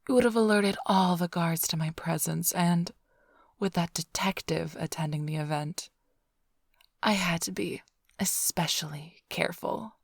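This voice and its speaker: A woman with a lowish, breathy, whispery voice plays a flirtatious, smug female vampire thief in a teasing ASMR roleplay. She drawls a little slowly right up against a close-up studio microphone, and the sound is dry with no echo.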